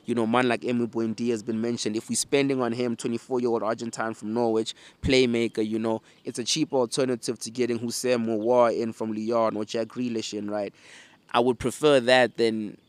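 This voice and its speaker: In a brisk, mid-range voice with little pitch movement and no echo, a man hosts football fan talk. His delivery is level, casual and opinionated, full of swearing and slang such as bro, fam and mandem.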